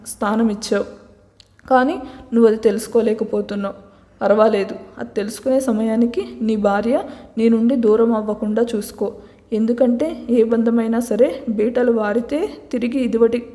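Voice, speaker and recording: A wise middle-aged mother gently counselling her son, as a woman storyteller voices her. She coaxes and lectures with patience in a mellow, higher voice. Long reverb trails each phrase. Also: close to an everyday voice.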